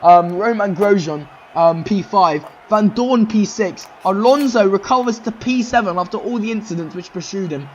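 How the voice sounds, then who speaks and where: A man hosting casual sim-racing commentary, excitable and rambling, with lots of "um" fillers as he runs through results. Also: high-pitched, moderate pace, hardly any pauses, muffled recording, slight background noise. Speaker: race commentator and series host.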